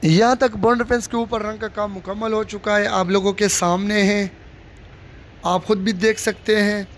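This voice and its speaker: A vlogger strolls through an outdoor cricket stadium that's under construction, giving a casual tour and updates to viewers he addresses directly. His voice is high with little pitch movement at a moderate pace, he repeats phrases while pointing things out, and the handheld phone he holds picks up faint outdoor noise.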